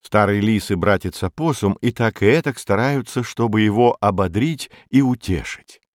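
A man reading a folk tale aloud in an expressive storytelling voice. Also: on the low side, moderate pace, no room sound, studio quality.

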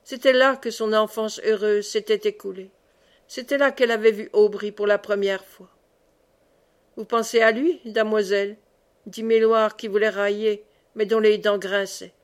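A woman reading a classic novel aloud as an audiobook, expressive in the dialogue. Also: mid-range voice, moderate pace. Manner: expressive, raises voice for cries. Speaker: audiobook reader.

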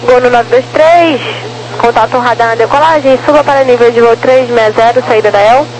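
A woman with a high-pitched voice gives air traffic instructions. She keeps to clipped procedural phrases, heard through a crackly military-style radio. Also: normal speed, over music. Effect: crackly aviation radio transmission.

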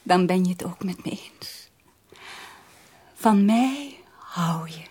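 A highly strung young woman for a radio drama, quick to alarm and prone to tender, breathy whispers. Her voice sits high. She sounds fragile and overwrought. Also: animated. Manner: emotional, soft and breathy, often whispering. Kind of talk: 1980s radio drama acting.

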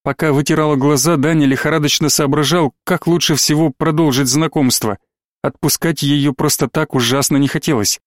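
A man narrating an audiobook story in a measured storytelling manner. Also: a little high, steady tone, no echo, clean studio sound. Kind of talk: scripted narration.

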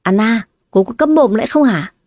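Brief: calm cutting young wife, mellow and dry, as a woman narrator reads her. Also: fairly high pitch, normal speed, no room sound. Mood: cold.

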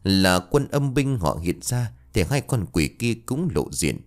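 A man narrates a ghost story in a dramatic, expressive way. His voice is low and deep, and his pitch swings widely as he reads. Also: measured pace.

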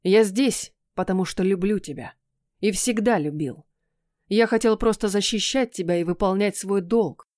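A woman's voice: mid-range voice, moderate pace, darkish tone, no room sound, studio quality, lightly acted. A woman voicing an earnest young warrior. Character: devoted young male warrior in love.

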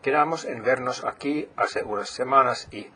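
A middle-aged Finnish man, a native Finnish speaker, hosts a podcast and interviews a guest casually. His phrasing is careful and slightly broken. His mid-range voice moves at normal speed and sounds pushed and bright, with a breathy edge.

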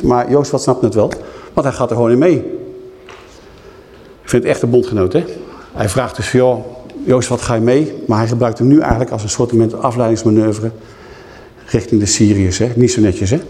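A man's voice: mid-range voice, warm tone. A man preaching a sermon in a conversational way, often checking in with his listeners. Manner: conversational, frequent tag questions. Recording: long hall reverb.

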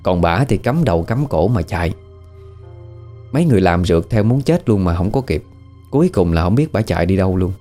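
Man, Southern Vietnamese accent, low voice, chatty horror storyteller, faint music behind. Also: warm tone. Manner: chatty, conversational, asks the listener questions. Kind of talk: casual spoken horror storytelling.

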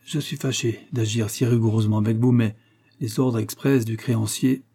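A man's voice: mid-range voice, steady tone, normal speed, warm tone, close to an everyday voice. A man reading a storybook, voicing a cool, unflappable male bailiff who speaks in a formal and courteous way.

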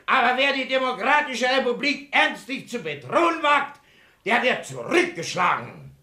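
A man's voice: very high-pitched, big pitch swings, normal speed, pushed and bright, roomy sound, exaggerated voice. An actor playing a pompous middle-aged town councillor who bosses his wife and makes lofty speeches. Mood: orating. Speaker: town councillor at a party rally. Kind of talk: period film acting.

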